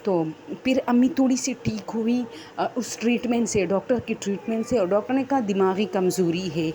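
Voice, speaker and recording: A woman's voice: a little high, warm tone, slight background noise. A woman telling her own horror story in a rambling, unscripted, conversational way.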